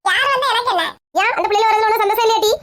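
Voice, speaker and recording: Woman playing a touchy village auntie, Kanyakumari Tamil accent, very high shrill voice, quick nagging delivery. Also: background noise. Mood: bickering. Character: touchy bald middle-aged village woman, quick to take offence.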